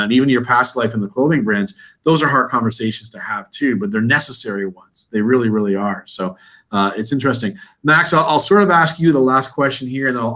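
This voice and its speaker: A man's voice: medium pitch, pushed and bright, low-quality recording. A man moderating a casual panel discussion, talking conversationally with frequent restarts.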